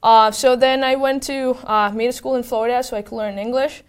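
Upbeat young woman from Venezuela, smooth voice. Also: a little high, steady tone, fairly quick. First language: Spanish. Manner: upbeat, lots of fillers and restarts. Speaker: program manager, guest. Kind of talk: casual interview answers.

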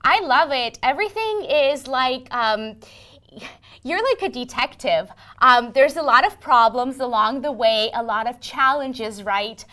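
A woman's voice: high voice, animated, unhurried, sharp tone. A middle-aged woman from Ukraine in an interview, earnestly explaining her work through vivid analogies. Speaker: interviewee, software engineering manager. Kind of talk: conversational interview.

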